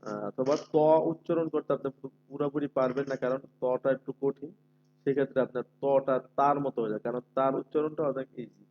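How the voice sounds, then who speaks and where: A man teaching Quran recitation in an online class, patiently repeating letter sounds slowly for his students. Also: medium pitch, steady tone, lo-fi sound.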